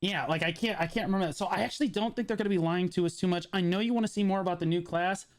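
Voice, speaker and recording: A man's voice: high voice, racing. A man hosting a casual gaming podcast, rambling and swearing freely with lots of fillers. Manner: rambling, loose and profane, many fillers. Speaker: podcast host.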